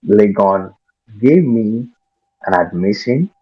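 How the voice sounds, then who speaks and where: A man's voice: fairly low pitch, expressive, slow, slightly rough, lo-fi sound. A man in his twenties from Ghana with a Ghanaian accent, a guest telling his story with many fillers and restarts. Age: 20s. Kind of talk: casual interview.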